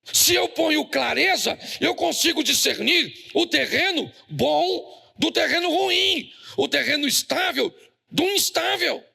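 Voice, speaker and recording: With an extremely high, creaky, bright voice and a forceful tone, this pastor preaches at a measured pace and with lively intonation. In a church hall, he gives a humorous sermon in a Brazilian Portuguese accent, joking, telling stories and calling on the congregation.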